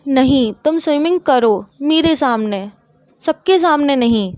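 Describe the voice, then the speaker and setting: A woman's voice: high-pitched, lively intonation, a little slow, darkish tone, no echo, studio quality. A woman voicing a stern, possessive young man who gives curt orders in a storytelling reading. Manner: curt, commanding.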